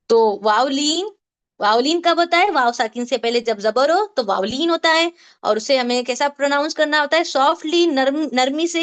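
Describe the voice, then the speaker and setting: A woman teaching a tajweed class online, patiently repeating questions and drilling Arabic sounds slowly. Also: high-pitched, fairly bright tone. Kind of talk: online Quran recitation lesson.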